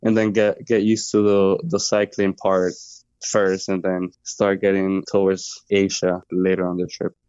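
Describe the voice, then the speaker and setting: A man's voice: low voice, monotone, a little slow, darkish tone, smooth, no echo, muffled recording. A man in his twenties from Colombia, a native Spanish speaker talking in English as a podcast guest. He talks hesitantly, with many fillers and restarts. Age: 20s. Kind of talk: interview conversation.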